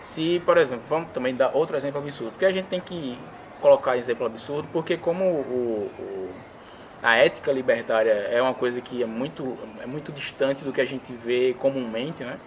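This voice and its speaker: Fast-talking man. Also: medium pitch, slight background noise. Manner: animated, acts out examples in quoted voices. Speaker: interview guest. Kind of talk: casual explanatory talk.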